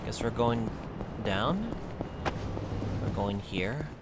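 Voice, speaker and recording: A man's voice: medium pitch, sing-song, very slow, loud music behind the voice. A man giving casual gameplay commentary, muttering and thinking aloud as he streams. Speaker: game streamer. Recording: loud game audio behind voice.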